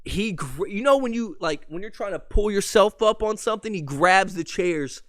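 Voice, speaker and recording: A man in his twenties hosting a casual sports podcast, telling a story with profanity and loud shouted reenactments. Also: high voice, lively intonation, moderate pace, no room sound, clean studio sound. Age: 20s. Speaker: podcast host.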